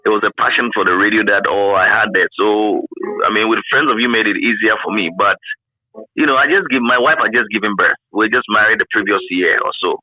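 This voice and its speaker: A middle-aged man with a Ghanaian accent, a former radio broadcaster, reminisces in a casual interview, often repeating words for emphasis. His fairly low voice is brisk. The line is narrow and phone-like, with a little hiss or hum.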